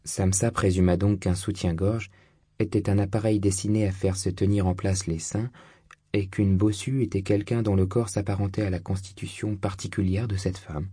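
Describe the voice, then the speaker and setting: A man narrating a literary story in an audiobook, in a measured, even delivery. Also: low voice, husky, dry recording, studio quality.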